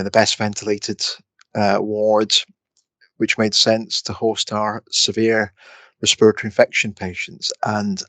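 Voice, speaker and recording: Hesitant man, bright tone. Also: fairly low pitch, no room sound. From Scotland. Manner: hesitant, many restarts and fillers. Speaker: guest, respiratory consultant. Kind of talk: casual interview answers.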